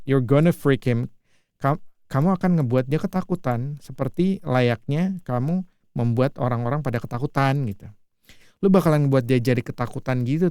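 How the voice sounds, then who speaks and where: A man's voice: mid-range voice, dark tone, clear, resonant tone, dry recording. Man teaching in a dry, close voice. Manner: repeats each line and paraphrases it in slangy terms. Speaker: English teacher. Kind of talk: casual language lesson explaining film lines.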